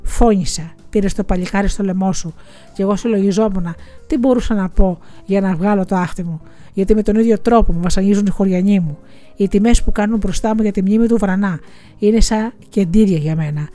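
A woman voicing a grieving, bitter widowed village schoolteacher in an audiobook, speaking in a quiet confessional way. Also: mid-range voice, soft background music, natural voice. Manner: quiet confessional, tearful, resentful. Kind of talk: audiobook reading.

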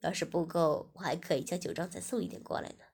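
A woman voicing a smug, teasing young man, reading him in a lowered, breathy voice. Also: fairly even intonation, fast, a little mellow.

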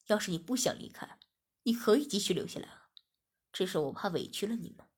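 A woman reading a story voices a young man, lowering her voice to speak gently and reassuringly. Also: lively intonation, normal speed, vocal fry, breathy edge, exaggerated voice. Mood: soothing. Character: young man, calm and soothing.

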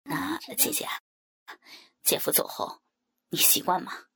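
A woman voicing a pushy young man, speaking in a soft, breathy near-whisper. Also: sits high, big pitch swings, slow, full character voice. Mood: coaxing.

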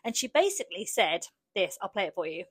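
A woman's voice: mid-range voice, very animated, fast talker, slightly rough, dry recording. A woman chatting to camera in a casual vlog. She talks in loose, rambling sentences, stopping and restarting her thoughts and filling gaps with ums and you-knows. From England. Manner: chatty, with frequent restarts and filler words. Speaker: vlogger.

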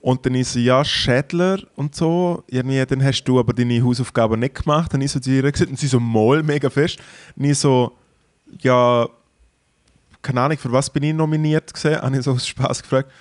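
A man's voice: medium pitch, a little fast, no room sound, studio quality. A man, co-hosting a casual podcast, telling an anecdote and acting out the quotes. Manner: animated storytelling, acts out quotes. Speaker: podcast co-host. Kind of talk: casual chat.

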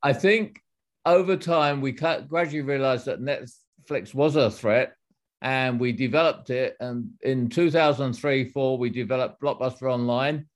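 This middle-aged man, an author who used to be an executive, speaks at medium pitch while fielding interview questions. He explains deliberately but keeps breaking off and beginning again.

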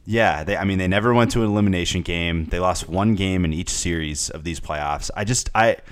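A man's voice: low-pitched, brisk, no echo. A young man co-hosting a casual sports podcast, rambling with many fillers and repeated words. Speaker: podcast co-host.

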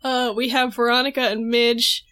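A woman's voice: on the high side, flat delivery, moderate pace, a crowd in the background. A woman co-hosting a podcast, recapping comic strips in casual chat and laughing often.

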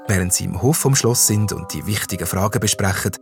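A man with a Swiss accent narrating a children's story in an animated storyteller manner. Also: low voice, fairly quick, creaky, soft background music.

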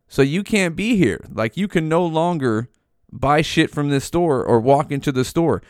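A man's voice: fairly high pitch, animated, normal speed, darkish tone, no room sound, studio quality, natural voice. A man voicing a no-nonsense store clerk throwing out a shoplifter. He is firm, matter-of-fact and profane, with the voice lifted a little above normal. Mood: firm dismissal. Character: blunt male store clerk turning away a thief.

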